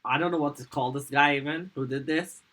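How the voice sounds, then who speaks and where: A man hosting a reaction video, talking straight to his viewers in a halting, agitated way. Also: fairly high pitch, steady tone, sharp tone, poor audio. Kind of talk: casual reaction commentary.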